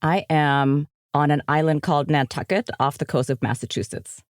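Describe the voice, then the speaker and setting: A woman who grew up in Indonesia and Germany, a podcast guest explaining things in a measured way. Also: sits low, steady tone, no room sound, studio quality. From born in Indonesia, raised partly in Germany. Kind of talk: interview answers.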